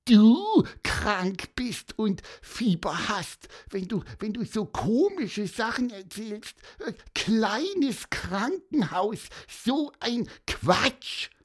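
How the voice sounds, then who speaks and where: A woman's voice: fairly high pitch, sing-song, drawn-out words, hardly any pauses, husky, exaggerated voice. A woman voicing a sick, curious young male bird with a stuffy nose in a children's story, asking skeptical questions. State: stuffy-nosed, sneezing.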